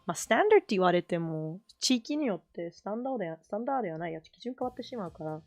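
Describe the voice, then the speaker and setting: A woman with a Kansai Japanese accent chats loosely as a stream host, rambling and restarting her sentences, slipping between Japanese and English. Her voice sits at an ordinary middle pitch, and faint music plays behind her. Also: big pitch swings, very fast, darkish tone, no echo. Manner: rambling, self-correcting, mixing Japanese and English. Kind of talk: casual chat while drawing.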